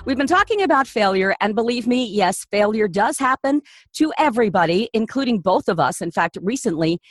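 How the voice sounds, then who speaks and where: A woman's voice: a little high, dry recording, clean studio sound, faint music behind. A woman hosting a podcast, framing the topic and asking her guest questions in a conversational way. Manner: lively, conversational, quick to affirm. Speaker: podcast host.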